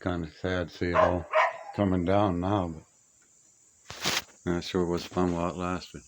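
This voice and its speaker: An older man with a low, level voice speaks unhurriedly over heavy background noise. He's a radio hobbyist showing off his collection in a small upstairs room that's being stripped to the studs, chatting and reminiscing in a plainspoken, folksy way with homespun grammar.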